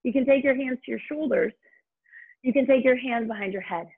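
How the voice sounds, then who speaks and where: A woman with a breathy voice works as an aerobics instructor, leading a workout with upbeat, encouraging cues and urging commands. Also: sits high, brisk, narrow, tinny audio. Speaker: fitness instructor and host.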